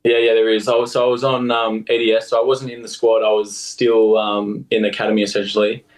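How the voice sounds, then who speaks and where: A man's voice: fairly low pitch, little pitch movement, fast talker, rough recording. Young Australian man telling rambling stories. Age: young adult. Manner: rambling, lots of fillers and laughs. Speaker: guest rugby player. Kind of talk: casual storytelling.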